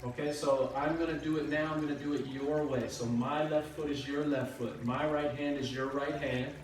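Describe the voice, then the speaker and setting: A man instructing tai chi step by step in short, calm, measured cues. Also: on the high side. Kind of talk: step-by-step spoken movement instruction. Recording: echoey room, far from mic, music behind. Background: music.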